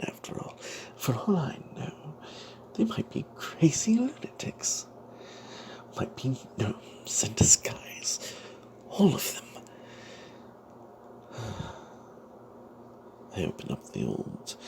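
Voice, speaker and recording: A man with a fairly low voice tells a fantasy tale in hushed, breathy ASMR whispers, in character as a wry, suspicious adventuring cleric. His delivery is halting.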